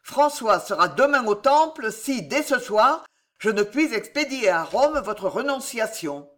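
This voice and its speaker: A woman voicing a cold, ruthless old nobleman who speaks in measured, unhurried tones in an audiobook reading. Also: fairly high pitch, sing-song, fairly bright tone, voice pushed up. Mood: cold menace.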